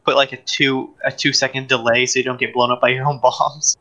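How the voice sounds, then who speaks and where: Flat, bright-voiced man chatting over a game. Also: mid-range voice, fairly quick, poor audio. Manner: hesitant, lots of ums and restarts, flat delivery. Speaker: co-player on a game stream. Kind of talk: casual gaming chat.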